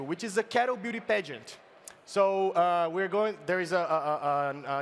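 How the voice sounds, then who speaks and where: Pria presenter jenaka dengan suara tinggi. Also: male voice, high-pitched, a bit bright. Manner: playful, halting, with many fillers and restarts. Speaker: science slam presenter. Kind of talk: comic science talk on stage. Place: large event stage, indoors. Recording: reverberant live event hall.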